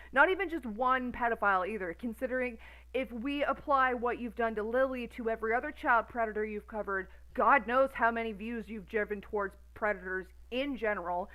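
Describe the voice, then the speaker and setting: A woman's voice: on the high side, pushed and bright, rough recording. A woman in her thirties ranting on a stream in a profane, sarcastic, exasperated way. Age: 30s. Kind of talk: casual ranting commentary.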